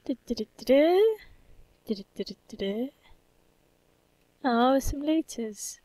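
A woman's voice: high voice, lively intonation, slow, mellow, no echo. A woman giving casual gameplay commentary, playful, cheerfully swearing and humming to herself. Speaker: gaming channel host.

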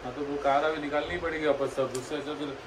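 A man's voice: on the high side, steady tone, quick pace, a crowd in the background. A man chatting casually and offhandedly with his wife during a trip. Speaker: vlogger's husband. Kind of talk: casual chat. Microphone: phone camera held by someone else. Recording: roomy and distant phone audio with music.

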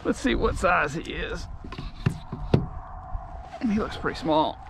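A man's voice: a little high, lively intonation, slow pace, creaky, heavy background noise. A man fishing from a kayak, talking to himself in short exclamations, recorded outdoors on an action camera. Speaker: kayak angler filming himself. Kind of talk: muttered self-talk while fishing.

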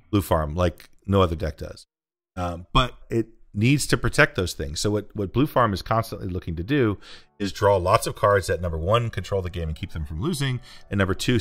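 A man in his thirties, a podcast co-host on a video call from home, explaining strategy in a measured way and swearing casually. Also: deep voice, a bit bright. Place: home room.

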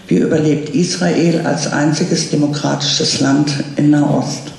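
Gravelly-voiced woman hosting in an echoey hall. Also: deep voice, steady tone, measured pace, a little mellow. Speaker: event host. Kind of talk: introducing a speaker. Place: dark stage at a lectern. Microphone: handheld microphone. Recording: very echoey room.

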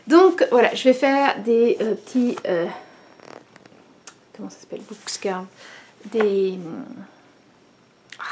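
Filmed head and shoulders by a camera in front of her, a knitting vlogger from France in her thirties talks casually in her living room at home. Her mid-range voice is a little mellow, she rambles with lots of fillers and restarts, and there is slight background noise.

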